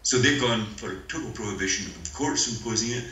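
Older Scottish man, deep and bright, dry lecturer on a video call, echoey hall. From Scotland. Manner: measured, dryly humorous lecturing. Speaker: conference panel speaker. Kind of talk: conference talk by video link. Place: meeting room, voice played over speakers. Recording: roomy hall with faint noise.

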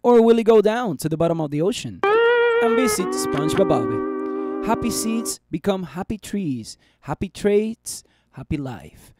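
Over loud music, a man in his thirties livestreams stock chart commentary from a desk in a small room, reading viewer comments in a chatty, upbeat manner. His voice is high, swings hugely in pitch, and moves at a measured pace, but it's worn from talking and he's losing it.

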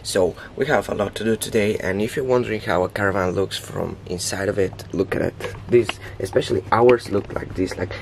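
A man's voice: fairly low pitch, fairly quick, gravelly, hardly any pauses, slight background noise. A man vlogging casually with a groggy morning voice, chatting loosely inside a small caravan on a handheld camera. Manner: chatty, loose, repeats "like" and "yeah". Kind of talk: casual vlog tour. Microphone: handheld vlog camera.

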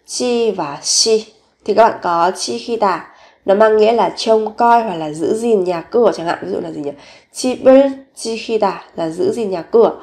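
A woman teaching Korean vocabulary in a recorded lesson, slowly repeating each word several times. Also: medium pitch, darkish tone.

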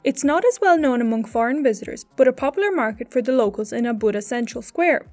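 A woman's voice: fairly high pitch, lively intonation, fast talker, a little mellow, no echo, faint music behind. A woman host reading a polished, upbeat scripted travel narration as a voice-over.

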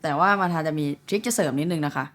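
A woman's voice: low-pitched, fast, music in the background. A young woman in her twenties explaining drum fills step by step, polite and patient, counting beats aloud. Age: young adult. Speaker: drum teacher. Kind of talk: relaxed video lesson.

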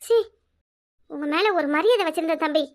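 A woman's voice: extremely high pitch, normal speed. A woman voicing an older cartoon mother who is shocked and scolds her son. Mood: shocked scolding.

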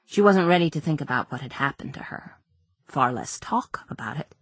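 A woman narrating an audiobook in a measured, subdued reading. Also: sits low, lively intonation, slightly rough, dry recording. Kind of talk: scripted narration.

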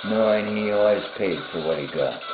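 Deep-voiced man reading his novel, tinny. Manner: unhurried, pausing, with asides to himself. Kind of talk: casual reading aloud of a novel. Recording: tinny phone-like sound in an echoey room. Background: music.

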